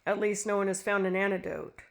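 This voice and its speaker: A woman's voice: medium pitch, steady tone, brisk, vocal fry, lightly acted. A woman reading a story, voicing a ruthless middle-aged husband who talks harshly and chuckles at his wife's fears. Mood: cold.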